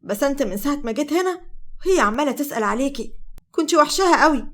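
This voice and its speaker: A woman's voice: high-pitched, lively intonation, fast, fairly bright tone, pitched above the performer's own voice. A woman voicing an older, sweet-talking mother-in-law with an Egyptian Arabic accent, coaxing and fond.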